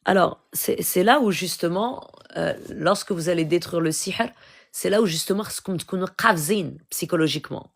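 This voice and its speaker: A brisk, lowish female voice with vocal fry belongs to a middle-aged woman with a Moroccan accent. Hosting a live stream, she advises her viewers, mixes languages, and repeatedly throws in "euh" and "d'accord?"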